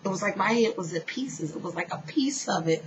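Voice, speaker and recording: A woman giving an earnest personal spiritual testimony, speaking straight to her listeners and dropping now and then to a soft whisper. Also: mid-range voice, lively intonation, fairly quick. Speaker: spiritual storyteller. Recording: dull lo-fi sound with faint noise.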